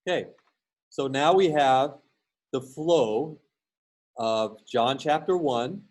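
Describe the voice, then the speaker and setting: A male instructor giving a recorded lesson while sharing his screen, explaining patiently and often pausing on fillers and restarts. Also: mid-range voice, a little mellow. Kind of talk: recorded lecture with screen share.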